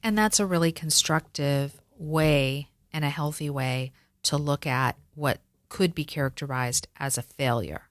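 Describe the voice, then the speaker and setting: A woman's voice: sits low, a little slow, hardly any pauses, no echo. A woman podcast host, once a lawyer, talking in an encouraging, affirming way with her guest. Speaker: podcast host, former attorney. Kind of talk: casual conversational interview.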